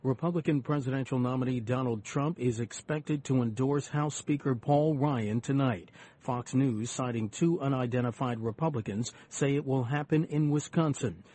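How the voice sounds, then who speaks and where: Guy reading radio news headlines off a script, mellow mid-range voice. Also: mid-range voice, moderate pace.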